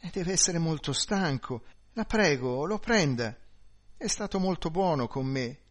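A man voicing a grieving young housewife who speaks gently and pleads politely. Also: on the high side, animated, measured pace, voice pushed up. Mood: pleading.

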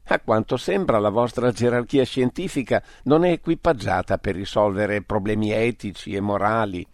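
A man voicing a large, calm, philosophical alien creature that speaks in a measured, courteous way. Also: fairly low pitch, no echo, clean studio sound, close to an everyday voice. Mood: reflective.

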